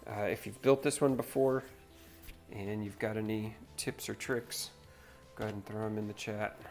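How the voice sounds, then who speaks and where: Stream host, male, from North Carolina, low voice, easygoing rambling chat, faint music underneath. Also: flat delivery, moderate pace, a little mellow. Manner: laid-back and rambling. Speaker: livestream host. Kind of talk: casual chat while building.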